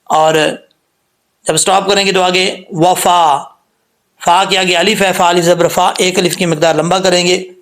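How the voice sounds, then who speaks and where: A man teaching the rules of Quran recitation, patiently explaining letter sounds and repeating points, with slow drawn-out demonstrations of each sound. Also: high-pitched, flat delivery, fairly bright tone.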